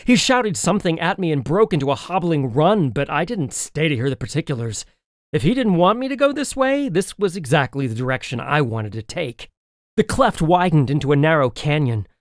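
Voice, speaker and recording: Male audiobook narrator, fairly high and very animated, dry studio sound. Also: fairly quick, no echo. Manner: expressive, lively storytelling. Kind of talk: first-person audiobook narration.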